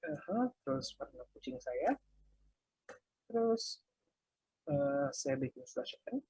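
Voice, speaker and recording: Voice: medium pitch, wildly swooping pitch, takes it slowly, vocal fry, warm tone, breathy edge, no echo. A workshop instructor casually talking through a live coding example, thinking aloud while typing and muttering asides. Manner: casual, light laughs at own mistakes.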